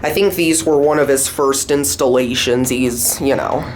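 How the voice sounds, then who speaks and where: Riding through a hotel's elevators and hallway indoors, a man records on a handheld camera and points things out along the way in a relaxed, casual narration. His voice sits at medium pitch and moves at a moderate pace, with a little background noise.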